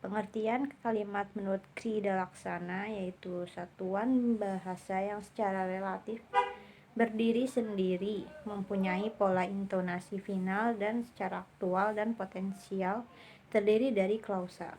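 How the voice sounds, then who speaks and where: A woman's voice: mid-range voice, fairly even intonation, a little slow, darkish tone, a little hiss or hum. A young woman student presenting a lesson, reading her explanation carefully with the occasional filler.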